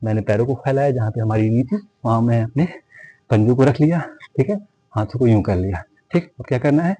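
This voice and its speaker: In a warm, slightly rough voice of medium pitch, a Hindi-accented yoga instructor talks fairly quickly through a guided class. He counts breaths, keeps calling viewers his friends, and assures them they can rest when tired and shouldn't strain. There's no room sound, but the audio is poor.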